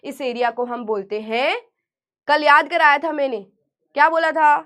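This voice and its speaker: High-voiced woman teaching a live class. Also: normal speed. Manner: animated, repeats key terms as questions to students. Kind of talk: online class lecture.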